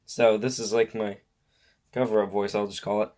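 Rambling man vlogger with a lowish voice, heavy on filler words. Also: flat delivery, normal speed, a little mellow. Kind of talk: casual talk to camera.

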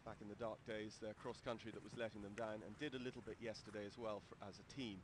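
Measured male sports commentator. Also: fairly low pitch. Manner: measured, informative, steady delivery. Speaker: lead commentator. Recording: outdoor broadcast with crowd noise.

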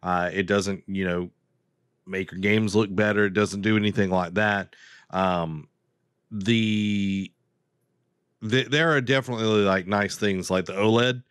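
A man in his thirties co-hosting a casual gaming news chat from a home room with bookshelves, speaking into a headset on a video call, blunt and opinionated with halting fillers. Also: on the low side, fairly even intonation, fairly bright tone, smooth, no echo, studio quality. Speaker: co-host.

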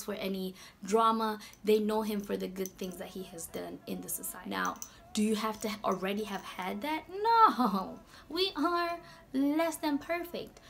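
A woman hosting a casual Bible talk vlog in a chatty, slangy, animated way. Her voice is going hoarse. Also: medium pitch. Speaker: video host.

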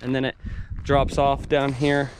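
A man's voice: medium pitch, a little slow, background noise. Young man explaining a ranch building job outdoors. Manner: relaxed, explains step by step with many ums and restarts. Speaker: rancher and vlogger. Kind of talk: casual on-site vlog narration. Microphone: handheld action camera at arm's length.

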